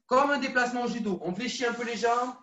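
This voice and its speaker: A woman with a high voice leads a children's judo class, coaxing and lively as she repeats every instruction. She sounds echoey and far from the mic, as if filmed across a room. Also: fast talker, highs cut off. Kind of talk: live online kids' class, story-led exercises.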